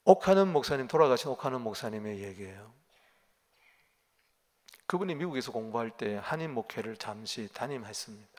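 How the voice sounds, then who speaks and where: A pastor preaching a sermon, firing rhetorical questions at the congregation and swinging from loud to quiet. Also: male voice, mid-range voice, lively intonation, fairly quick. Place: church sanctuary. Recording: long church reverb.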